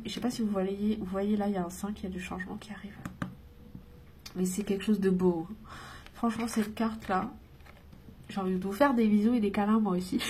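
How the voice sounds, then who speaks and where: A woman giving a casual spiritual card reading, chatty and rambling, reassuring her viewers and breaking off with giggles and soft whispers. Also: medium pitch, breathy edge. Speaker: oracle card reader.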